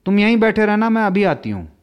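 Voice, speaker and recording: A man voicing a curious, tender-hearted young girl who asks bright, pleading questions in a storybook reading. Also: high voice, very animated, brisk, voice pushed up. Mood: eager.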